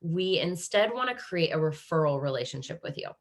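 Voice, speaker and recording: A Kansas woman with a Midwest American accent runs a live online panel as a webinar host on a video call. She talks fairly quickly in a slightly low voice with lively intonation, staying upbeat and encouraging while frequently restarting sentences partway through.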